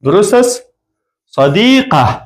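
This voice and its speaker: Guy teaching a class, kinda high voice, bouncy, repeats every word twice. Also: big pitch swings. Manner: slow and repetitive, saying each word twice. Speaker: Arabic teacher. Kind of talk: classroom lesson explaining vocabulary.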